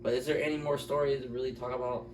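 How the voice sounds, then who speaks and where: A medium-pitched man with flat delivery and a quick pace co-hosts an informal movie review chat, voicing strong opinions and repeating himself to press them. The recording has a roomy, distant mic and faint noise.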